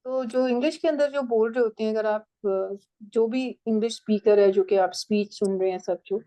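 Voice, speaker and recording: A woman's voice: on the high side, fairly even intonation, moderate pace, dark tone, rough recording. A woman teaching a writing and language class, explaining step by step and checking that her students follow.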